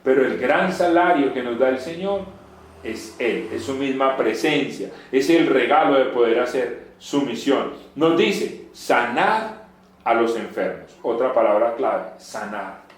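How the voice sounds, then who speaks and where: A man preaching a sermon, animated, swinging between loud rhetorical questions and soft asides. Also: medium pitch, a little slow. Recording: very echoey room.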